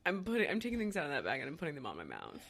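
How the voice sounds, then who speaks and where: Woman comedian, improv scene, bright tone, lowish pitch, playful deadpan. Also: racing, creaky. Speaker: comedian guest.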